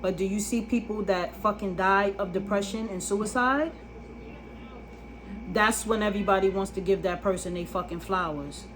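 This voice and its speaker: A woman's voice: medium pitch, moderate pace, a bit bright, a little hiss or hum, poor audio. A woman vlogging a casual monologue to camera, blunt and emphatic, often asking if you understand. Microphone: phone camera.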